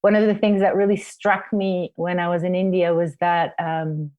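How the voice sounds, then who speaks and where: Woman, forties, from Portugal, lower voice, thoughtful, soft, storytelling. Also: flat delivery, moderate pace, muffled recording. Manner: reflective, soft-spoken, restarts with fillers. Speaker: guest, forest therapy guide trainer. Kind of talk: personal storytelling interview.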